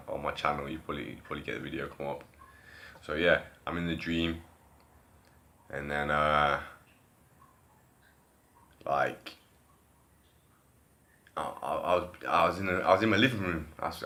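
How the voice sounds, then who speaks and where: A man with a deep, low voice tells a story casually from his living room at home. His tone is bright and forceful despite the low pitch. He rambles, repeats himself and restarts his sentences, then drops off into quieter asides. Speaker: vlogger recounting a dream.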